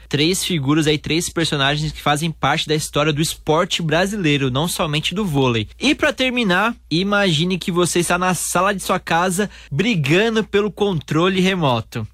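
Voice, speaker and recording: A man's voice: on the high side, fairly bright tone, no echo, clean studio sound. A Brazilian man hosting an interview, asking friendly questions with brief interjections.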